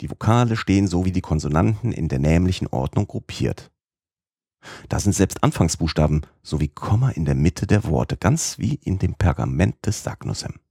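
A man reading a classic novel aloud as first-person audiobook narrator, in a measured, literary storytelling manner. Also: deep voice, animated, gravelly, warm tone, husky, no echo, studio quality.

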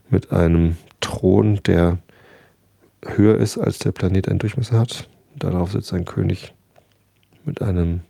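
A man's voice: low-pitched, vocal fry, warm tone, slightly rough, no echo. A man reading a storybook aloud, with wry asides as he describes the pictures. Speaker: reader.

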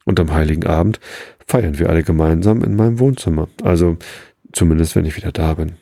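Brief: kindly old Santa Claus, read by a man, jovial storybook voice, dark and husky, dry close recording. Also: low-pitched, fast talker, no room sound. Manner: jovial, warmly explaining. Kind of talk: storybook reading.

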